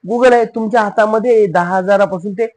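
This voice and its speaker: High-voiced man teaching spelling. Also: darkish tone. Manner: asks questions for the students and answers them himself; spells words slowly letter by letter. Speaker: English teacher. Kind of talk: spoken classroom-style lesson.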